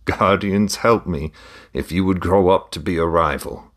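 A man's voice: sits low, measured pace. A man voicing a shrewd older merchant who haggles with theatrical flair in a read-aloud story. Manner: theatrical, bargaining.

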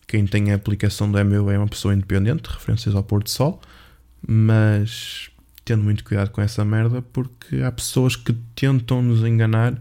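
A man's voice: on the low side, dark tone. A man with a European Portuguese accent, telling a personal story in a casual, profane, chatty way as a vlogger.

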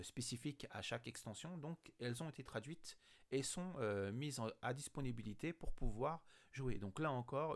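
A man's voice: mid-range voice, creaky. A man hosting a casual news roundup about tabletop games, speaking hesitantly with many fillers and restarts. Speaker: host.

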